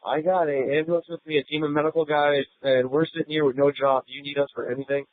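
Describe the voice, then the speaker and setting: A man's voice: a little high, little pitch movement, fast talker, dry recording. A male emergency responder speaking plainly and informally over police radio on a narrowband scanner feed.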